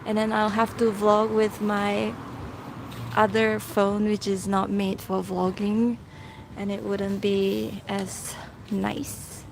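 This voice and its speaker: Slow-paced woman vlogging casually by a pool. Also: medium pitch, level tone, vocal fry. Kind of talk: casual live chat to viewers. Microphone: handheld vlogging phone. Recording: noisy poolside ambience on phone mic.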